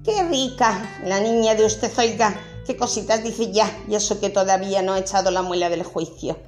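A woman's voice: medium pitch, normal speed, a little mellow, faint music behind, close to an everyday voice. A woman voicing a chatty, fond ogress wife in a read-aloud story, gossipy and mocking.

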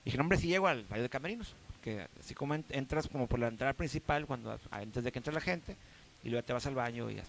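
Mexican man, relaxed joker in a casual chat, slangy everyday voice. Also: medium pitch, fast talker, vocal fry, slight background noise. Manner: joking, laid-back, slangy. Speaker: actor.

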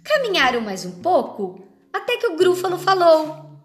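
A woman reading a rhyming children's storybook aloud, slowly and expressively. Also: extremely high pitch, faint music behind. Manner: slow, expressive rhyming narration.

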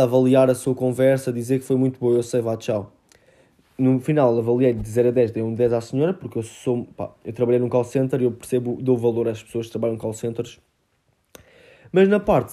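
A man's voice: medium pitch, warm tone. A 19-year-old man with a European Portuguese accent, telling a story in a casual vlog and acting out phone calls. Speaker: vlogger.

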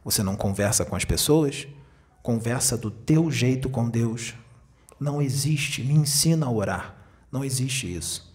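A man with a Brazilian Portuguese accent giving a spiritual sermon as a spiritist medium, speaking slowly and deliberately and asking his listeners rhetorical questions. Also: mid-range voice, animated, darkish tone.

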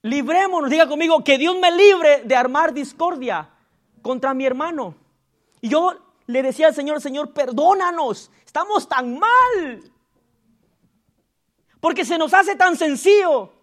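A man preaching a sermon as pastor in a church, calling out loudly and acting out gossip in low murmurs. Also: animated, measured pace. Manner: preaching with sudden loud calls and acted gossip asides.

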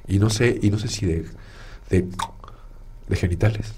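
A man's voice: low voice, a little slow, dark tone, breathy edge. A man from Mexico City with a Mexican accent, hosting a casual chat, telling anecdotes with jokes and stammered restarts. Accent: Mexican Spanish. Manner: storytelling, joking, with stammered restarts. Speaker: podcast host.

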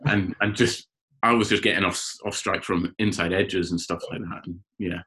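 A man with a lowish voice chats on a podcast as a cricketer guest. He tells his stories with animation and stumbles into repeated words as he builds them up. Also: steady tone, moderate pace, pushed and bright. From Scotland. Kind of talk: casual podcast chat.

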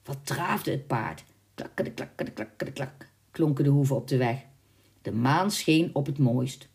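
A woman narrating a storybook in a measured, expressive way. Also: rumbling low, creaky.

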